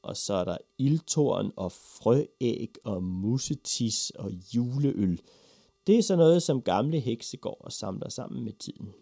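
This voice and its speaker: A man's voice: medium pitch, animated, vocal fry, dark tone, husky, no echo, studio quality. Man putting on a sleepy old witch woman. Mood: drowsy drawl. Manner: drawling, slow, mumbling.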